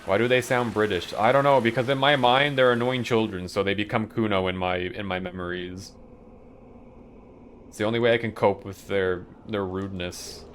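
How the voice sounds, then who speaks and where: A man's voice: on the low side, fairly even intonation, normal speed, a bit bright, a little hiss or hum. A young man streaming a video game, chatting casually in a rambling, profane way and chuckling often. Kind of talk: casual chat while playing a game live.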